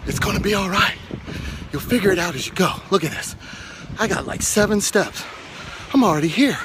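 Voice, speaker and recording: Winded high-voiced man climbing outdoors. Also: animated, fairly quick. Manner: encouraging, talks to camera while climbing stairs. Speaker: vlog host. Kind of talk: motivational walking vlog. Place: outdoors on reservoir steps. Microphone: handheld phone. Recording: loud wind noise on phone mic.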